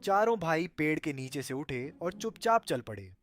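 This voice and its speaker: A man's voice: a little high, big pitch swings, normal speed, faint music behind. A man telling a comic cartoon story as narrator in a playful way.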